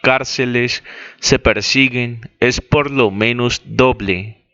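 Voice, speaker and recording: A man reading a text aloud as dictation, deliberately spelling out words and correcting his own slips. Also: mid-range voice, steady tone, pushed and bright. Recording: dull lo-fi recording.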